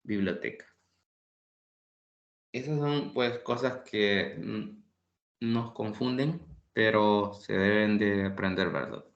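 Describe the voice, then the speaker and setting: A man's voice: lowish voice, highs cut off. Male tutor, patient and repetitive, echoey room recording. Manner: repeats each word slowly, explains patiently, clears throat often. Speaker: English tutor. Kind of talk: online language class.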